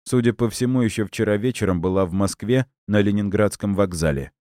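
A man voicing a smug, cynical police colonel who speaks in measured, sarcastic, deliberate words. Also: lowish voice, darkish tone, no echo, clean studio sound, voice pushed up, natural voice. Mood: cold, sarcastic.

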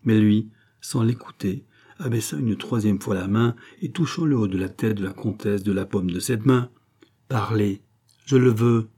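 Male narrator, steady literary audiobook reading, low husky voice. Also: moderate pace.

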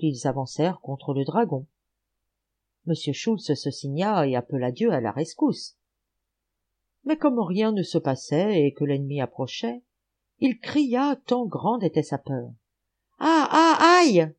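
A woman reading a folk tale aloud as an audiobook narrator, in an animated, expressive manner. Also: low voice, moderate pace, husky. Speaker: audiobook reader. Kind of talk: storybook narration.

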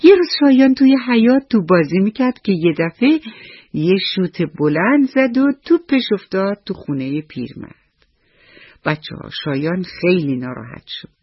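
A woman storyteller reads a bedtime story to children on the radio, lively and speaking straight to the kids. Her voice is husky and rather low. The recording is dry and dull, like old radio. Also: dry recording.

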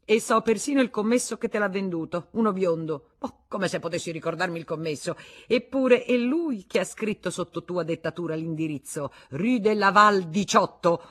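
A woman's voice: deep voice, moderate pace. A woman reading an audiobook, voicing a wounded wife who confronts her husband with cold, bitter irony. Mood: accusing.

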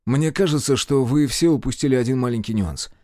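A man voicing a calm, self-assured young healer who speaks in a measured, dignified way, in a dry audiobook recording. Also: medium pitch, dry recording, lightly acted.

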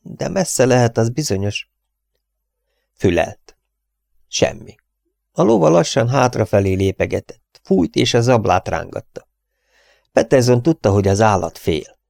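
Male audiobook narrator, low gravelly voice, measured dramatic reading, dry close mic. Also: lively intonation, darkish tone, dry recording. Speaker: audiobook reader. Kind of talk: scripted narration.

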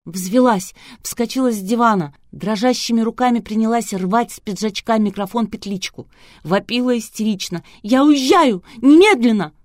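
A woman reading a novel aloud in a lively storytelling manner. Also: a little high, moderate pace, dry recording, clean studio sound. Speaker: audiobook reader. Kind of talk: scripted narration.

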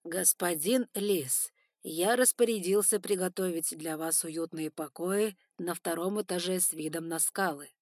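A polite spider steward who runs a castle in a fantasy audiobook, read by a woman. He speaks slowly and courteously in a lowish voice, close and dry. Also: a little mellow, no room sound.

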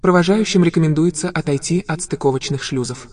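A man's voice: fairly high pitch, a little fast, pitched above the performer's own voice. A man voicing the metallic announcement voice of a space station AI in an audiobook, giving clipped, commanding orders and a countdown. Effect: metallic loudspeaker announcement. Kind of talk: audiobook narration.

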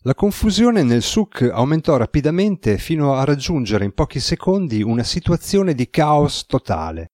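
A man giving a steady, measured scripted narration of a novel as an audiobook reader. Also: fairly high pitch, dry recording, studio quality.

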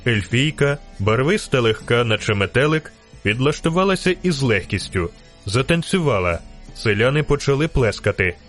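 A man narrates an audiobook with a steady, rhythmic storytelling delivery at a middle pitch. Soft music runs faintly beneath his reading. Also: normal speed. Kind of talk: scripted narration.

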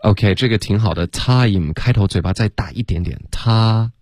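A man with a deep, low voice works as a pronunciation coach. He corrects sounds patiently and repeats them slowly as models. The recording is dry and close. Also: darkish tone, no room sound. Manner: mixes English words into explanations.

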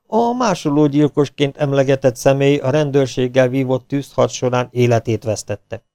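Man reading a police chief, formal statement, gravelly, dry sound. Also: medium pitch, warm tone, dry recording, natural voice. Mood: official.

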